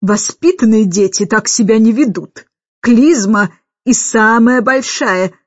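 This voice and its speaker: A woman reading an audiobook, voicing a domineering older governess who barks orders loudly and slowly. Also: on the high side, breathy edge, dry recording, muffled recording. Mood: scolding. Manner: loud, slow and bossy, barking orders.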